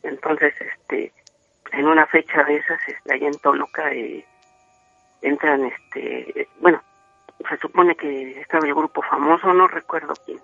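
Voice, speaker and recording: A man's voice: a little high, fairly even intonation, a little slow, gravelly, pushed and bright, no room sound, faint music behind. A Mexican man telling a spooky story over the phone, rambling with many fillers. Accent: Mexican Spanish. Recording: tinny phone line.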